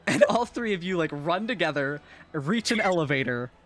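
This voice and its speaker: A man's voice: a little high, moderate pace. A man narrating a tabletop game as game master, talking loosely with lots of fillers. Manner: animated, filler-heavy, lots of "like".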